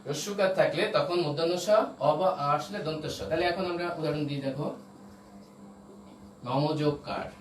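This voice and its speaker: Guy teaching a class, kinda high voice, echoey room, a bit of background hiss. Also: fast, few pauses. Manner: explains step by step, often checks understanding. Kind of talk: online class lecture. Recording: roomy echo, voice from a distance, faint noise.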